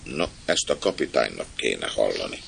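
A man's voice: rumbling low, very animated, vocal fry, a bit bright, slight background noise, voice pushed down, heavily acted. A man voicing a bold, streetwise young sailor who talks bluntly. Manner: blunt, questioning.

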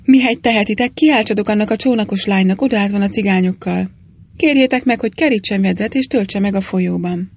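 A gentle, slightly clumsy priest detective from a storybook, mild and quietly calm, as a woman reading aloud puts him on. His voice has a husky edge and sits at a middling pitch. He speaks with soft-spoken composure. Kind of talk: audiobook reading.

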